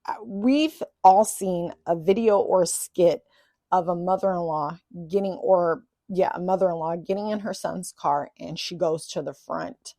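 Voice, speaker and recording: A woman with a somewhat low voice tells a personal story in a relaxed vlog monologue. Her delivery is chatty and animated, with playful self-teasing asides. The sound is close and dry, with no room echo. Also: a little slow. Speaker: vlogger telling a personal story.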